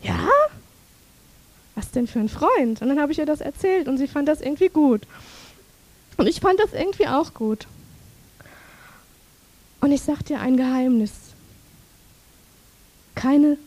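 A woman preaching a sermon in church, telling personal stories and leading prayer in a lively way. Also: high voice, moderate pace, long pauses.

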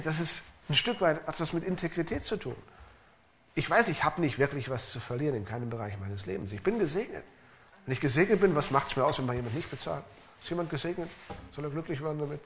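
A middle-aged male pastor delivers a sermon in an earnest, emphatic voice that sits a little high for a man. He keeps turning to his listeners with direct rhetorical questions. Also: a bit bright.

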